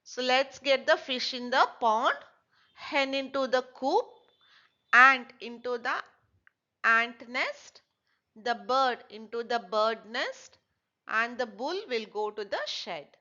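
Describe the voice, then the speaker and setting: A woman teacher walks young children through a textbook lesson at a very slow pace. Her voice is bright and fairly high. The recording sounds a little dull. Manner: slow, asks and answers her own questions.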